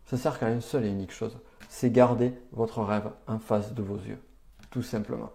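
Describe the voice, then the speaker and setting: A man's voice: on the low side, fairly even intonation, normal speed, gravelly, dark tone. A man giving an upbeat, chatty live-stream talk on personal development, answering viewers' chat comments with emphatic asides.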